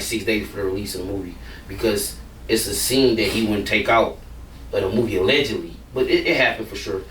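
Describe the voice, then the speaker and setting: A man's voice: lowish voice, roomy sound, distant mic. Man, rambling interview talk, swears a lot, faint background hum. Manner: blunt, rambling, swears freely. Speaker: rapper.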